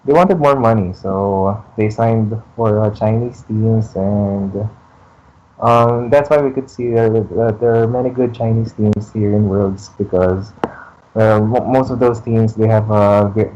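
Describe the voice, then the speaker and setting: A man chatting on an esports podcast, talking hesitantly with many restarts and fillers, heard over a low quality stream. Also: unhurried, warm tone, muffled recording. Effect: low quality stream audio. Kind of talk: casual podcast chat over a call.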